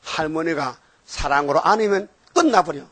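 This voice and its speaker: Older guy preaching, rambly, keeps asking the room stuff, kinda high voice, dry. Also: animated, normal speed, fairly bright tone, dry recording. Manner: rambling, questioning listeners with "예?" and "어?". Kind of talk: informal sermon.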